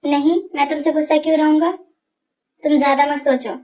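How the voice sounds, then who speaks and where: A woman's voice: high-pitched, little pitch movement, a little fast, heavy background noise, close to an everyday voice. Woman voicing a jealous hot-tempered college guy. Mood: curt. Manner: angry, threatening. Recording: distant voice over loud music.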